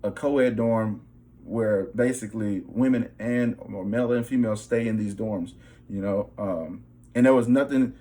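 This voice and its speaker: A man's voice: lowish voice, moderate pace, warm tone. A young man giving a personal spiritual testimony in a casual, emphatic way, often checking in with his listeners. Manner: casual, emphatic, repeats "bro" and "okay". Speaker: vlogger.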